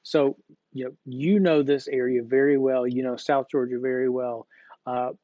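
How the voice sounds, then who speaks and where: Man interviewer, mellow and halting, muffled dry recording. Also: mid-range voice, level tone, dry recording. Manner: hesitant, with many fillers and restarts. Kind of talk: casual interview questions.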